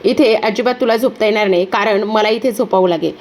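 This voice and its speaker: A woman's voice: mid-range voice, brisk, a little mellow, close to an everyday voice. A woman reading the lines of an arrogant, domineering woman in a TV serial recap, in a bossy, scolding way. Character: domineering woman called Sarkar, arrogant and loud.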